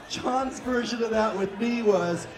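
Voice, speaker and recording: A man's voice: sits high, slow pace. A man in his fifties emceeing a memorial show, chatty and joking, laughing through his stories on a stage mic in a small rock club. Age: 50s. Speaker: event emcee. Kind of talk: casual stage banter and storytelling. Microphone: stand mic on stage, taped from the audience. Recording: echoey club taped from far off, crowd. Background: crowd chatter.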